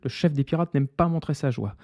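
A man reading a children's pirate story aloud with lively, expressive narration. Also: fairly high pitch, brisk, dry recording, studio quality.

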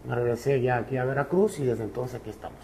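A Cuban man in his fifties with a Cuban Spanish accent, a musician guest telling his life story in a relaxed way, with many fillers. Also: medium pitch, fast. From Cuba.

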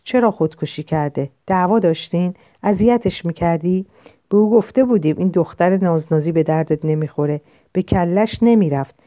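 A woman's voice: fairly low pitch, lightly acted. A woman voicing a grieving mother who fires accusing, demanding questions. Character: grieving, accusing mother of a dead young man. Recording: dull lo-fi dry recording.

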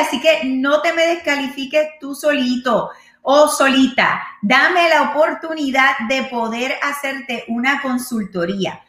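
A Puerto Rican woman with a high-pitched, slightly bright voice and a Puerto Rican Spanish accent hosts a live-streamed, call-in style show as a real estate consultant. She's chatty, switches into English, and keeps checking in with "¿ok?", and the sound is roomy.

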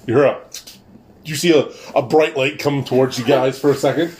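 A man's voice: mid-range voice, steady tone, moderate pace, darkish tone, slight background noise. A man casually narrating a tabletop game as its game master.

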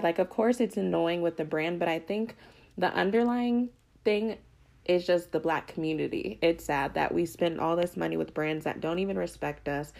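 A woman's voice: lowish voice, gravelly. A woman talking straight to the camera in a casual, emphatic opinion monologue, full of fillers. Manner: animated, emphatic, lots of fillers. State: has the hiccups.

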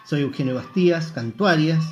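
Formal Chilean male guest, measured with fillers, slightly high voice, lo-fi sound. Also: soft background music. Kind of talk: radio interview self-introduction.

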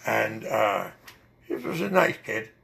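A man's voice: lowish voice, big pitch swings, takes it slowly, vocal fry, a bit bright. An older man with a Dutch accent, telling long rambling stories with many hesitations in an oral history interview. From Netherlands.

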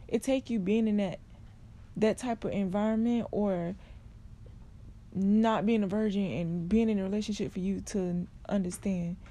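Young woman ranting casually, mellow tone. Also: mid-range voice. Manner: conversational, candid, drawn-out filler phrases. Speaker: podcast host. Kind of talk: casual solo rant.

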